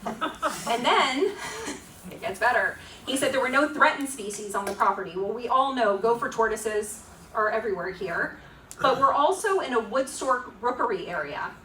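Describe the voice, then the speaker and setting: Echoey, higher-voiced Florida woman presenting. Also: expressive, moderate pace, fairly bright tone. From Florida, United States. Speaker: presenter at a community meeting. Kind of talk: informal public presentation. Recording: echoey room, distant mic, faint noise.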